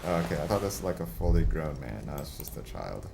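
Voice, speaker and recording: Deep-voiced man playing a game, with hiss. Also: sing-song, fast, creaky, dark tone. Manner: chatty, laughing, self-talking. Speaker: let's play host. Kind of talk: casual gameplay commentary.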